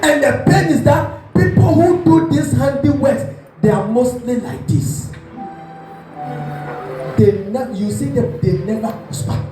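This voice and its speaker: A high-voiced male pastor preaches with lively storytelling and acts out the people in his story. His mellow voice rings through a very echoey hall. Music plays softly behind him. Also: unhurried. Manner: animated storytelling, acts out voices, asks the congregation questions. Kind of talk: sermon.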